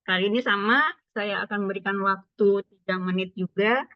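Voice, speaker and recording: A woman runs an online training session and guides the group with calm, orderly instructions. Her voice is middle-pitched and comes through a video call. The sound is dull and dry, with no room around it. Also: normal speed, no room sound. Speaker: training facilitator. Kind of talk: leading an online group discussion.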